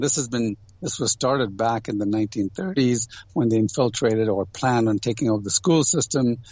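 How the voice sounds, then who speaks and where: A man raised in Ghana and other countries by an Indian family appears as an interview guest, conversationally explaining things through personal anecdotes. His medium-pitched voice is husky with a darkish tone, recorded muffled with no room sound.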